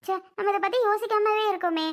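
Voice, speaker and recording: High, quick, tearful young wife, acted by a woman; stubborn sulking. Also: fairly even intonation. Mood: pleading. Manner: stubborn, plaintive. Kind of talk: family skit acting.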